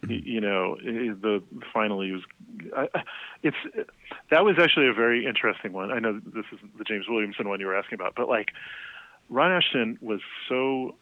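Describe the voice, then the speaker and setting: Speaking brisk and fairly low, a male music journalist shares interview anecdotes in loose, rambling conversation packed with fillers and frequent laughter. There's no echo; the sound is dry and tinny, phone-like.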